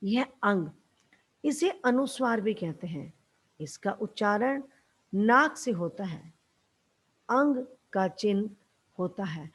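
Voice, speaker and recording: A woman teacher with a Haryanvi accent speaks to young schoolchildren in a husky, medium-pitched voice with lively intonation. Her classroom lesson is slow and patient, and she calls the pupils "beta" and "bachche."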